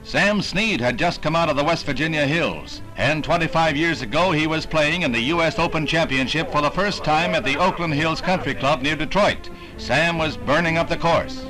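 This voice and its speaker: Reading 1960s newsreel narration from a script, an American man uses a formal, dramatic announcer's delivery at a moderate pace with few pauses. His voice is a little high, and the recording is rough, a vintage newsreel soundtrack backed by music.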